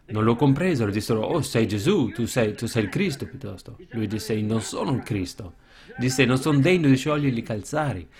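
Guy preaching a sermon, fired up, goes loud then drops way down, middle pitch. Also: animated, fairly quick. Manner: impassioned, rises to shouts then drops low.

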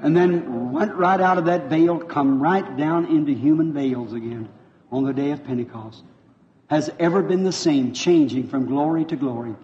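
A man preaching a revival sermon in a fervent, folksy way, pausing for his interpreter. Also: a little high, a little mellow. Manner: fervent, folksy, repeats himself. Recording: dull lo-fi old sermon tape.

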